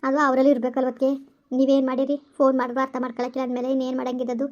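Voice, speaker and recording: A woman's voice: high voice, monotone, very fast, darkish tone, voice pushed down, lightly acted. A woman voicing a young woman who keeps comforting her sister-in-law, with soothing, repeated reassurances. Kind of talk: animated story voice-over. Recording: lo-fi, dull voice-over.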